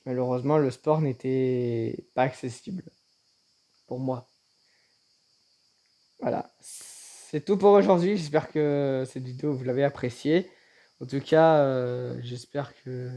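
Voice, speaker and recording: A man telling a personal story in a casual vlog, in a halting way with frequent restarts. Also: mid-range voice, mellow. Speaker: vlogger.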